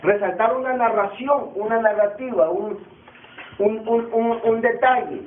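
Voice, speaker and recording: Male Bible teacher, high pitch, repetitive quizzing lecture style, captured far off on a tinny, roomy recording. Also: unhurried, slight background noise. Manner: repeats key terms, quizzes the class. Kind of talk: classroom lecture. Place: classroom. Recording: tinny, echoey distant classroom recording.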